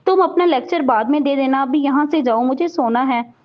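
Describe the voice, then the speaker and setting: A woman's voice: sits high, brisk, lightly acted. A woman voicing a stern, irritable young husband who speaks in a harsh, curt tone. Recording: dull lo-fi recording.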